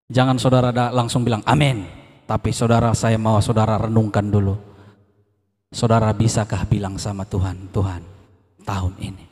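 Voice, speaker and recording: A man preaching a sermon as an evangelist. He swings from soft, low pleading to loud, high exhortation and calls on the congregation to respond. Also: flat delivery, normal speed. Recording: long hall reverb.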